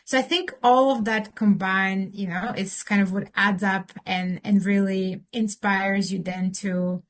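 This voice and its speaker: A woman's voice: mid-range voice, steady tone, a little slow. A woman in her thirties from Slovakia, answering interview questions thoughtfully with frequent fillers and restarts. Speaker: interview guest, consultant.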